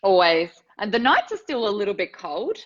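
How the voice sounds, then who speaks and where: A woman's voice: medium pitch, very animated, moderate pace, fairly bright tone, slight background noise. A woman in her thirties from Finland, a podcast guest telling her life story in an earnest way and often repeating words as she thinks. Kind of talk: personal story interview. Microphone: remote call. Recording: dull lo-fi call audio.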